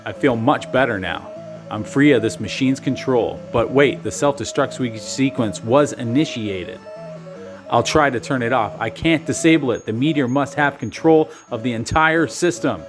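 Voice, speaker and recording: A man reads the part of a rescued scientist from a retro video game, flustered and pleading for help. It stays an everyday male voice at middle pitch, read rather than acted. A faint game tune plays underneath. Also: moderate pace, music in the background, natural voice. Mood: urgent. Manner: plain reading of the lines, barely acted.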